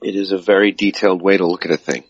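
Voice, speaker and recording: A man with a very deep, husky voice makes dry jokes as a podcast guest. The sound is dull and dry, like a muffled video call. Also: fairly even intonation, no room sound. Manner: dry, joking, halting with fillers. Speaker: guest actor. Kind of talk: casual interview chat.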